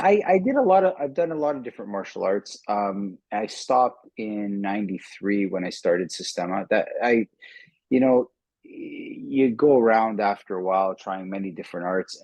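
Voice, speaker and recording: A middle-aged man from Canada, a martial arts instructor, chatting casually in an interview over a video call with an earbud mic, talkative and quick to laugh, often repeating words. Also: lowish voice, creaky, a little mellow, breathy edge, no room sound.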